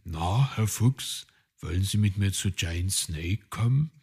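A modest little gnome from a storybook, as a male narrator gives him voice, speaking mildly and a touch lower, with a husky, gravelly grain. His delivery is slow and unhurried. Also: animated, a little mellow, exaggerated voice. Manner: candid, mild.

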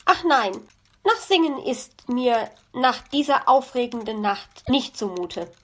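A woman voicing an excitable, gushing female magpie in a children's audiobook. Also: on the high side, slow pace, pitched above the performer's own voice. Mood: excited. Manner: gushing, bright and eager.

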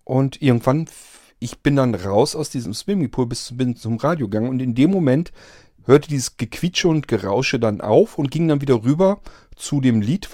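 A man recounts an odd experience in a loose, rambling way, stopping and restarting often. His voice is mellow and mid-pitched. The sound is dry and close. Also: no room sound. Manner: rambling, hesitant, many fillers and restarts. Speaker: vlogger telling of a strange event. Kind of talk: casual spoken account.

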